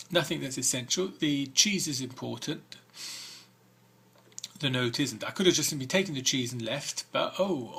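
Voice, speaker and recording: A man's voice: on the high side, vocal fry, fairly bright tone, breathy edge. A man hosting a game walk-through, reading the game's text aloud between hesitant comments full of fillers. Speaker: let's-play host.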